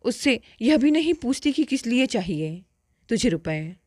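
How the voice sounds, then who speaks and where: A woman's voice: fairly high pitch, big pitch swings, a little slow, darkish tone, no echo, clean studio sound. A woman voicing a stern middle-aged elder brother who lectures firmly in a storybook tale. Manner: firm, lecturing.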